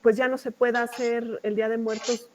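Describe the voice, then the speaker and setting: Over a crowd in the background, a middle-aged woman with a Mexican accent teaches a university class conversationally and discursively, regularly checking in with brief tag questions. Her voice is fairly high and level, and she speaks a little fast.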